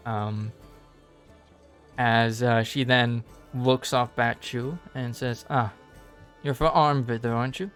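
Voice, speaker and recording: A man's voice: medium pitch, fairly bright tone, clear, resonant tone. A man running a tabletop role-playing game as dungeon master, narrating casually with lots of ums and uhs. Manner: rambling, many ums and uhs.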